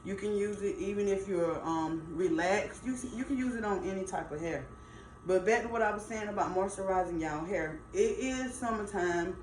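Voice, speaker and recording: A middle-aged woman speaks in with an average pitch. She chats casually and emphatically, like a folksy stylist giving advice, circling back to stress her points. The room echoes around her voice, with faint noise behind it. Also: normal speed. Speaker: natural hair stylist. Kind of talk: casual chatty advice to camera. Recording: roomy echo, faint background noise.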